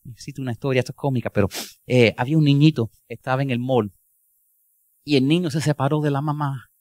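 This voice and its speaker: A man's voice: medium pitch, fairly even intonation, fast talker, darkish tone, no room sound, studio quality. A male pastor preaching a sermon in a folksy, joking storytelling manner, asking rhetorical questions and slipping English words into his Spanish.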